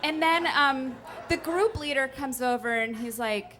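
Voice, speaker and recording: On stage at a live storytelling night, a young woman tells a funny personal story at her own expense, chatting loosely and filling it with "like" and "um." Her voice sits high and moves a little slowly, with a crowd making noise behind her.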